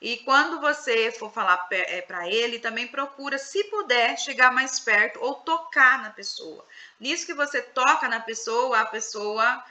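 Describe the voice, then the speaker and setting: A woman's voice: fairly high pitch, unhurried, bright, forceful tone. A Brazilian woman, a psychoanalyst, leading a casual women's group discussion online, asking questions and coaxing others to speak.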